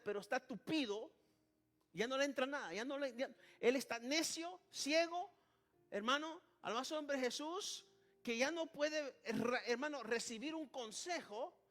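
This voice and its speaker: Delivering a Spanish sermon in a very high-pitched, fairly bright voice, this man constantly addresses the congregation and praises Jesus. "Hermano" and "alabado sea el nombre de Jesús" come up again and again, amid many restarts.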